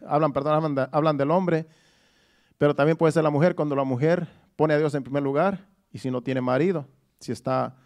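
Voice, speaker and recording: A man's voice: a little high, darkish tone. A middle-aged man preaching a sermon in an earnest, personal way, often restarting his phrases. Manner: earnest, testimonial, with frequent restarts.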